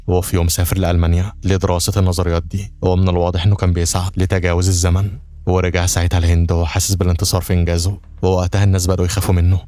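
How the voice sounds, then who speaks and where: A man with an Egyptian Arabic accent tells a film's story in a rapid, scripted recap. His voice sits very low and barely rises or falls. Background music runs beneath the narration. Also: a little mellow.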